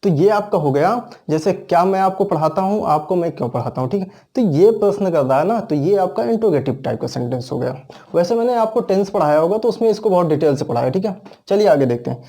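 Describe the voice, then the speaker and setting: Fast and expressive, a man with an Indian accent teaches a classroom grammar lesson in English, taking it step by step. He asks questions and then answers them himself. His voice is high and mellow.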